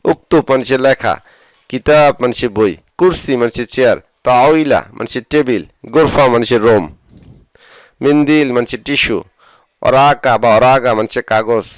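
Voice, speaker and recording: Slow, deliberate male language teacher. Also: mid-range voice, dry recording. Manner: slow, deliberate, repeats each phrase with its translation. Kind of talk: slow phrase-by-phrase vocabulary lesson.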